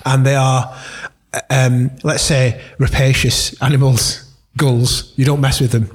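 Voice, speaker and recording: A man with a husky, slightly breathy voice at an ordinary pitch talks as a radio guest. He rambles and gets sidetracked, laughing as he goes. He talks while he eats. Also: flat delivery, a little slow. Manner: rambling, easily distracted, laughs often. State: talking while eating. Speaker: author guest on a radio show. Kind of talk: casual radio chat.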